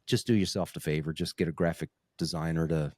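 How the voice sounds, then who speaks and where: A man's voice: very deep voice, fairly even intonation, fast talker, mellow, dry recording, studio quality. A middle-aged man from Newfoundland with a Canadian accent, chatting casually and bluntly as a podcast host, swearing freely. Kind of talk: casual chat.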